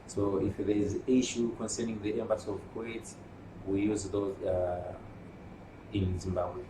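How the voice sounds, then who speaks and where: A man from Malawi answers interview questions in a measured, explanatory way, pausing often. His voice sits low. He is heard from a distance in an echoey room with clear background noise. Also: flat delivery. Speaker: union secretary general. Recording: roomy, distant mic with noise.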